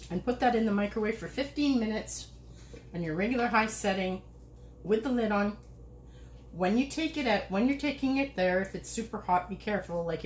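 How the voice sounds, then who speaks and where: A woman's voice: mid-range voice, echoey room, a little hiss or hum. A woman hosting a casual cooking livestream, chatting and rambling as she cooks and laughing often. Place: home kitchen.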